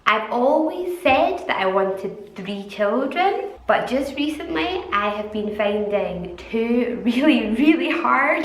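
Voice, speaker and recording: A woman's voice: medium pitch, fairly bright tone. Chatty Scottish woman in an echoey room. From Scotland. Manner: chatty, giggly, drawn-out emphatic words. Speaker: vlogger and mother of two. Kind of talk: casual chat to camera.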